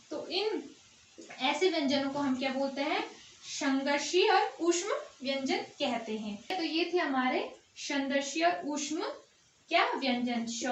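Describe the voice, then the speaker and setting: High-voiced woman teaching in an echoey room. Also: fairly bright tone, far from the mic, a little hiss or hum. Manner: explains step by step, asks and answers her own questions. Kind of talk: Hindi grammar lesson.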